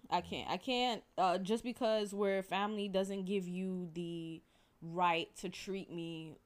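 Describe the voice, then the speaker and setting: A woman's voice: fairly low pitch, fairly even intonation, takes it slowly. A young woman in casual chat, blunt and emphatic, swearing freely and leaning on filler phrases.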